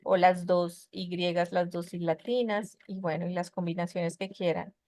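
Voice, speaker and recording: Speaking a little slowly, a woman with a lowish, darkish voice keeps a flat delivery, with no echo on the recording. In her online web conference grammar class for English, she explains patiently step by step and checks on her students with many questions.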